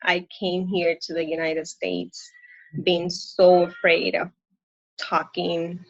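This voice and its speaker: Speaking English as a second language after Spanish, a Puerto Rican working mom with a Puerto Rican accent talks slowly and earnestly in live coaching, frequently stopping and restarting. Her voice sits low and flat, and the dry, slightly dull lo-fi audio sounds like a call recording with no room sound.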